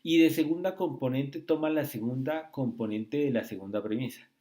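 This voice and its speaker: A man tutoring logic in a screen-recorded lesson, speaking slowly and often checking with "¿sí?" and "¿listo?". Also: medium pitch, dark tone. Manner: slow, repetitive, asks rhetorical checks.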